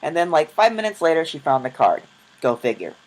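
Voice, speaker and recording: A man's voice: on the high side, sing-song, low-quality recording. A young man narrating his travel vlog in a casual, self-deprecating storytelling voice-over. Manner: chatty, self-deprecating, quick asides. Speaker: vlogger.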